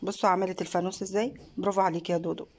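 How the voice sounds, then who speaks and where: Rapid-fire and steady in tone, an Egyptian woman's lowish voice comes from behind the phone camera she holds at a living room table, with a little hiss or hum. She hosts a craft channel and is a mother, offering warm praise and encouragement laced with fillers in Egyptian Arabic-accented speech.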